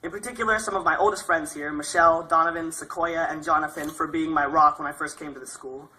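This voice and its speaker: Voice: medium pitch, steady tone, fast talker, pushed and bright, rough recording. A young adult speaker delivering a prepared graduation speech as a graduating student.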